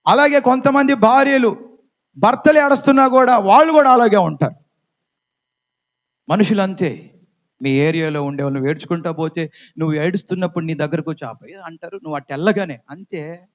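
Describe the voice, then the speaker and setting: Fervent high-voiced male preacher. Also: fairly quick, long pauses. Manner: fervent preaching, calls for congregation responses. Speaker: pastor. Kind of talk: sermon. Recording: dull lo-fi sound.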